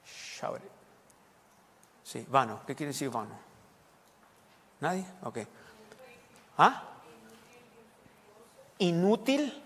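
Man, pastor, sermon, asks the congregation questions, medium pitch, echoing church hall. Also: gravelly. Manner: questions the congregation and explains scripture. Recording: long reverb of a large hall.

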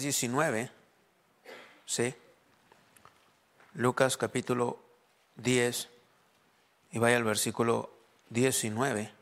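A male pastor preaching in a church hall, quizzing the congregation as he goes and slipping between Spanish and English. His voice sits at an everyday middle pitch and carries a long, lingering reverb from the room. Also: a bit bright. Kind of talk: sermon.

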